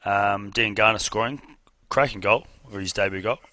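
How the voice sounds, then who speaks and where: Podcast co-host, male, low bright voice, dry close sound, casual banter. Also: moderate pace, dry recording. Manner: chatty, laughs often, says "mate". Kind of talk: casual football podcast chat.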